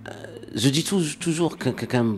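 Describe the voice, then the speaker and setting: A man's voice: medium pitch, expressive, moderate pace, husky. A man from Morocco, a guest in an interview, talking casually and often repeating words as he searches for phrasing.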